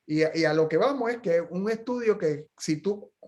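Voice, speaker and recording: A middle-aged man with a somewhat high-pitched voice speaks as a physical therapist in a casual journal club chat. He tells stories and explains clinical points, often backing up and restarting his sentences. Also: animated, normal speed, a little mellow. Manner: chatty storyteller, explains with frequent restarts.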